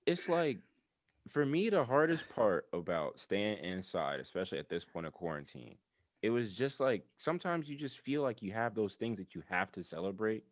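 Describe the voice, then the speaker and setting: A man co-hosting a casual podcast chat, ranting in a lively way. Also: lowish voice, normal speed, dry recording, clean studio sound. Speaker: podcast co-host.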